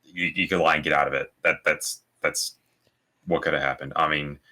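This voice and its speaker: A man with an extremely deep voice that still carries a bright, forceful edge. He talks in a casual podcast style, stopping and restarting his thoughts as he goes. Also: fairly even intonation, normal speed. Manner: hesitant, restarts his sentences often. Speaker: podcast co-host. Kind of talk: casual chat.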